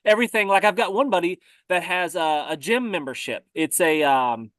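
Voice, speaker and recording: A man talking casually about survival gear, relaxed and often repeating words as he thinks. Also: high voice, normal speed, dry recording. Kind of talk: casual conversation.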